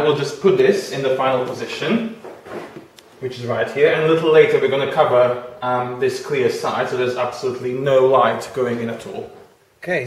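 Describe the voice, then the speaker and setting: A man from Bosnia and Herzegovina, a guest cook, explaining a kitchen demonstration step by step. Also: mid-range voice. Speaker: guest cook and orchid judge. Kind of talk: casual demonstration. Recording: roomy, faint noise.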